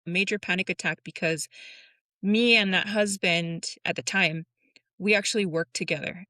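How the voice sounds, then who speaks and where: A woman's voice: on the low side, fairly even intonation, moderate pace, bright, forceful tone, no room sound. A woman in her thirties, a tattoo artist guest, speaking openly and personally in a casual interview. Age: 30s. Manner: open, personal, rambling with restarts.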